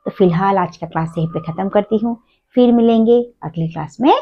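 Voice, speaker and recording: A woman teacher giving a children's phonics lesson, sounding out syllables slowly in a sing-song way. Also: medium pitch. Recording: dull lo-fi recording.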